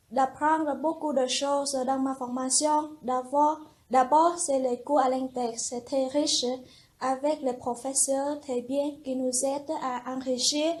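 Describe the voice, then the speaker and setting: Young woman, nun in formation, high voice, unhurried, earnest testimony. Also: a little mellow. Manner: slow, earnest, simple phrasing. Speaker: religious sister in formation. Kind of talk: personal testimony.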